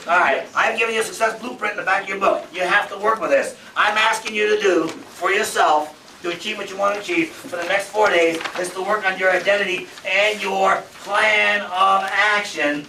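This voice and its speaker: High, bright-voiced man in his fifties. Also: fairly even intonation, a little fast. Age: 50s. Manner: emphatic, repetitive, rhetorical questions. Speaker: seminar speaker. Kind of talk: motivational seminar talk. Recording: roomy, from far off, faint background noise.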